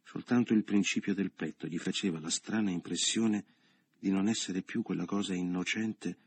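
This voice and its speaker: A man narrates a literary novel in a measured, subdued way. His voice sits very low and has a husky grain. The recording is close and dry. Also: steady tone, no room sound. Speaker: audiobook narrator.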